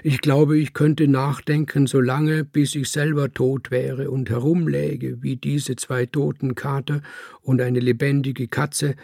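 A man reading aloud voices a naive young tomcat brother who asks earnest, eager questions, in a gravelly, husky voice. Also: mid-range voice, flat delivery, measured pace, darkish tone, no echo, studio quality.

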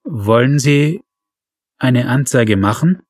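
A man voicing a hesitant rural male police officer who talks in a calm, placating way. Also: mid-range voice, slow, no echo.

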